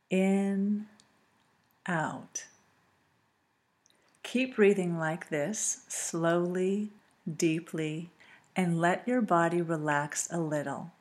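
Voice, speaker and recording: Slow, soothing woman guiding relaxation. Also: lowish voice. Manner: calm, soothing, slow with long pauses. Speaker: relaxation guide. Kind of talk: scripted guided relaxation narration.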